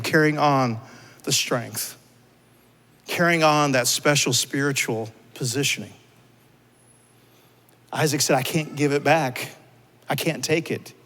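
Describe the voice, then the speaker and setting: A man's voice: fairly high pitch, a bit bright. A male pastor preaching a sermon in a church, talking conversationally and asking his listeners rhetorical questions. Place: church sanctuary. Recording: long church hall reverb.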